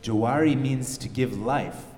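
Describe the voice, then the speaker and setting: A man's voice: medium pitch, measured pace, darkish tone. Male sitar teacher, patient and questioning, reverberant hall. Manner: explains patiently, asks the class questions. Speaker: sitar player teaching children. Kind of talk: classroom music demonstration. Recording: echoey hall. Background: sitar playing.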